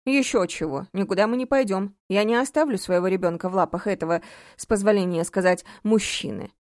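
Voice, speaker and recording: A woman's voice: medium pitch, lively intonation, a little fast, warm tone, no echo, studio quality, close to an everyday voice. A woman reading the lines of a stern, imperious middle-aged mother who is a judge, speaking sharply and with sarcasm in an audiobook. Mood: indignant.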